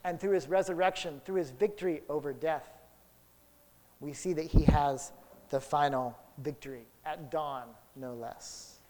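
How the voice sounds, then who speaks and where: A man preaching a sermon, telling a childhood story and then drawing Bible lessons from it, with big swings between loud and soft. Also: a little high, measured pace. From Houston area. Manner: storytelling, dramatic swings in loudness. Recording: long hall reverb.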